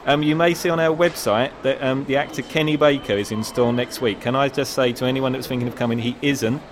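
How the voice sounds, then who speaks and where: A man with a medium-pitched voice talks fast during a casual interview about the bookshop he manages. His manner is polite and a bit hesitant with fillers, and the setting is a noisy, busy shopping centre store.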